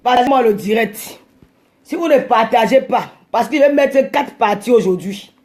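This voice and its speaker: A woman hosting a live stream, ranting and scolding her rivals combatively, sometimes shouting. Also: fairly high pitch, animated, normal speed.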